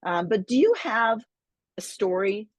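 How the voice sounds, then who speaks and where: A woman's voice: medium pitch, sing-song, measured pace, dry recording. A woman hosting an interview, enthusiastic, often repeating words as she restarts her sentences. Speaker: host, interviewer. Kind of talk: friendly interview chat.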